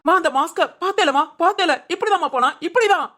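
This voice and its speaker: A woman doing a frantic, shrill young man. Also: animated, moderate pace. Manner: frantic shouting. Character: injured panicky young man, excitable. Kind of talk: cartoon voice acting.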